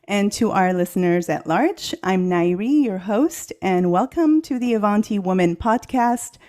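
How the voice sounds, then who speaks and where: A woman opens her podcast with an upbeat, welcoming scripted introduction. Her voice is mellow and warm. She speaks at a middle pitch. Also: expressive, unhurried. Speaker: podcast host.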